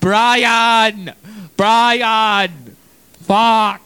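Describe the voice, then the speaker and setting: A furious middle-aged dad screaming for his son in a high, stretched-out yell, as a man puts him on. Every word comes out loud and shrill. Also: fairly even intonation, extremely slow, heavily acted.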